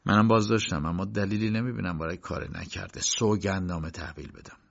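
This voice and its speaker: A man's voice: low-pitched, fairly even intonation, creaky. A man voicing an uneasy, curt defendant who grows insistent, in a dull lo-fi recording. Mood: wry. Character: uneasy, tense male defendant.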